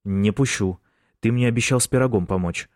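A man voicing a prickly, hot-tempered young man who talks gruff and blunt. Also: lowish voice, fairly quick, a little mellow, no room sound, studio quality, lightly acted. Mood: bossy. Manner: gruff, blunt street talk.

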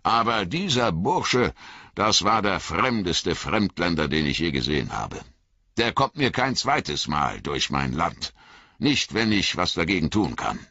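A man voicing a gruff, hearty male hobbit farmer in an audiobook, speaking in a booming, blustery, rustic way. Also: sing-song, measured pace, sharp tone, no echo, muffled recording, full character voice.

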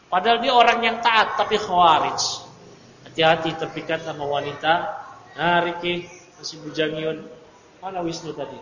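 A man teaching a religious study lecture, lively and teasing his audience in asides. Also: a little high. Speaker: Islamic teacher. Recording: echoey hall, dull lo-fi audio, faint hiss.

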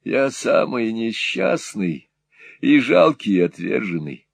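A man's voice: lowish voice, big pitch swings, takes it slowly, gravelly, slightly rough, no room sound, pitched above the performer's own voice, full character voice. A man voicing a poor old former clerk near sixty, pleading and bitter, in a dry close recording. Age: 60s.

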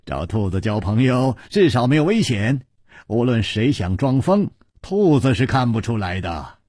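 A man's voice: mid-range voice, sing-song, moderate pace, a little mellow, dry recording, clean studio sound. Man doing a cool, amused young swordsman. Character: suave, calm young male hero, mocking and clever.

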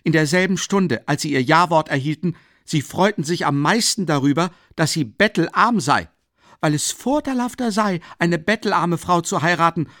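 A man's voice: medium pitch, sing-song, measured pace, slightly rough, voice pushed up, full character voice. A man doing a feverish, furious young man. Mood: scornful. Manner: trembling with rage, biting.

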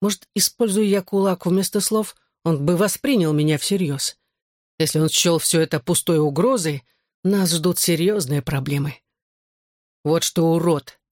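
A man's voice: fairly high pitch, normal speed, a little mellow, dry recording, clean studio sound. A man narrating a first-person novel as an audiobook, in a terse, intense manner.

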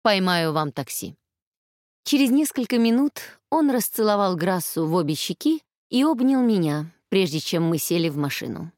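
A woman reading a first-person novel aloud as an audiobook narrator, calm and measured. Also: mid-range voice, no echo, studio quality.

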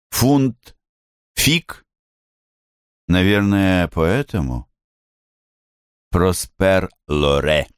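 A man narrating a literary audiobook in a measured, expressive reading. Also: very deep voice, clear, resonant tone, no echo, studio quality. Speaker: audiobook reader.

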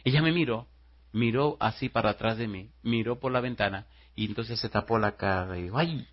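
A man preaching a sermon as pastor. He tells stories quietly and then rises into loud rhetorical questions to the congregation. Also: fairly low pitch, brisk, slightly rough, highs cut off.

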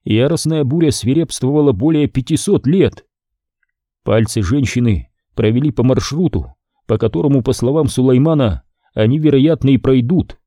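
A man narrating an audiobook in a measured storytelling manner. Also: mid-range voice, dark tone, dry recording, clean studio sound. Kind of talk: scripted narration.

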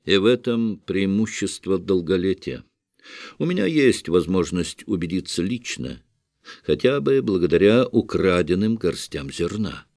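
Man doing a cold, quiet elf leader. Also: sits low, expressive, dry recording, clean studio sound. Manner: quiet and measured.

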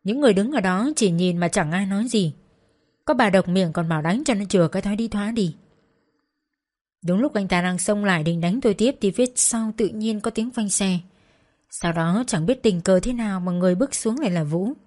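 A woman narrating a first-person audio story in a plain, steady manner. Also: medium pitch, a little fast.

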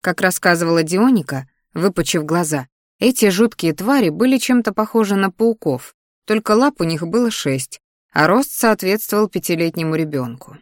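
A woman narrating a fantasy audiobook in first person, in a measured, expressive reading. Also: on the low side, dry recording, clean studio sound.

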